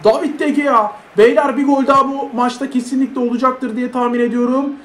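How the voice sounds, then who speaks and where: High-voiced excitable young gaming man. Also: fairly quick, roomy sound. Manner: excitable, shouts at big plays, chats to viewers. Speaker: mobile football gamer. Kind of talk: live gameplay commentary.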